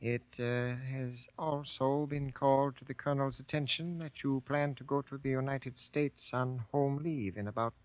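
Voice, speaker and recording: An actor playing a guarded, courteous American-born Japanese army sergeant, speaking formally and carefully in grave 1940s radio drama style. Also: male voice, mid-range voice, steady tone, dry recording, natural voice. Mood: guarded, polite. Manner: formal, careful, deliberate diction. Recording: dull old 1940s radio recording.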